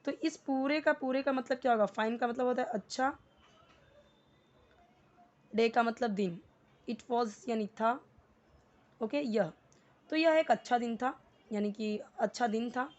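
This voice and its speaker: A woman with an Indian accent teaches English with a slightly high voice. She explains each word patiently and reads example sentences slowly and deliberately, like a tutor walking a beginner through a lesson. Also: dull audio. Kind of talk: step-by-step language lesson.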